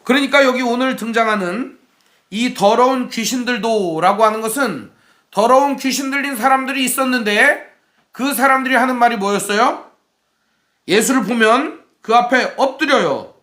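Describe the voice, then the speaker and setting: Male pastor, sermon, high voice, questions the congregation, echoey church room. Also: moderate pace. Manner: asks the congregation questions and acts out quoted shouts.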